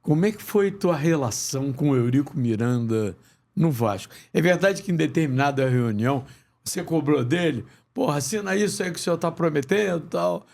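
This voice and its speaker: A man hosting a podcast interview in a studio, prompting his guest with quick questions. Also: fairly high pitch, animated, creaky, darkish tone. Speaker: podcast host.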